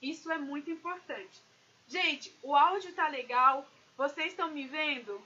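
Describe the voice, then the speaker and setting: A woman business consultant giving an animated live-stream talk, speaking straight to her viewers. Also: high voice, moderate pace, lo-fi sound. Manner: animated, addresses viewers directly.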